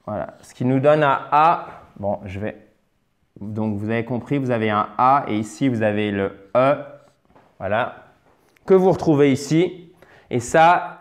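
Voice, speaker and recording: Guy teaching english in french, fairly high voice, drills words over and over, chatty. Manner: patient, repeats and drills English words slowly; chatty asides, self-corrections. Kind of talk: French-language English lesson at a board.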